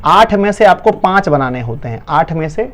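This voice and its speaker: A man's voice: fairly high pitch, expressive, normal speed, fairly bright tone, faint music behind. A male online tutor with a Bihari Hindi accent, giving an urgent, coaxing exam-prep lesson to students.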